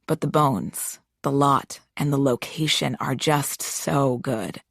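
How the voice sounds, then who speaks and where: A woman with a low voice reads a novel in the first person. She is measured and expressive, and the sound is dry and close. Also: creaky, no echo. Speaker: audiobook narrator. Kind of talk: first-person scripted narration.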